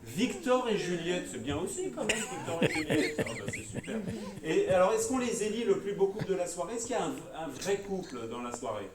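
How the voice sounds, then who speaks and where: A man's voice: sits high, big pitch swings, fairly quick, few pauses, over a noisy crowd. A man giving a comic stage talk, playfully teasing the audience. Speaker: speaker at a humorous talk. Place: cultural venue hall with a live audience. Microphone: handheld mic, filmed by smartphone from the audience. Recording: echoey hall, phone from far off, loud audience.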